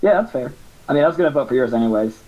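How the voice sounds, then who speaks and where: A man's voice: mid-range voice, expressive, racing, warm tone, dull audio. A young man chatting as a podcast guest, joking and offhand, swearing freely. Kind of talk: casual chat.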